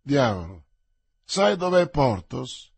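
Man voicing a commanding young musketeer, lively swooping delivery, husky dry storybook read. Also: a little high, slow pace, no echo, exaggerated voice. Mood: impatient. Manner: energetic, emphatic exclamations. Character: bold young male musketeer, impatient and commanding.

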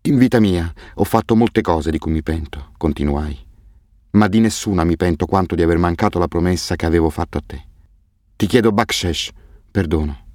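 A man narrating a novel in the first person, with a measured, softly subdued reading. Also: low-pitched, no echo, studio quality. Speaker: audiobook narrator. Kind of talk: scripted narration.

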